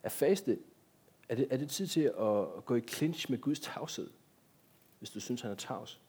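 A man's voice: medium pitch, expressive, darkish tone, husky. A man giving a sermon in a church, talking directly to the congregation and asking them many rhetorical questions. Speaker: pastor.

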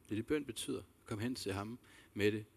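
A man's voice: fairly low pitch, gravelly, husky. A man preaching a sermon, earnest and reflective, repeating key phrases and addressing listeners directly with questions. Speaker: pastor.

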